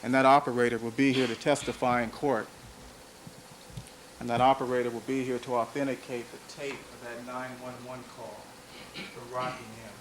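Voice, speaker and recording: Prosecutor, male, mid-range voice; slow, deliberate jury address with repeated phrases, in a hissy old courtroom recording. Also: mid-range voice, flat delivery. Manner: measured, deliberate, emphatic repetition. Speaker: trial prosecutor. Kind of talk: courtroom opening statement. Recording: noisy archival courtroom audio.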